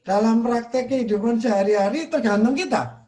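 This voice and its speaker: An Indonesian man teaching in a religious study talk, earnest, softly repeating phrases for emphasis. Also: very high voice, brisk. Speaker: Islamic teacher.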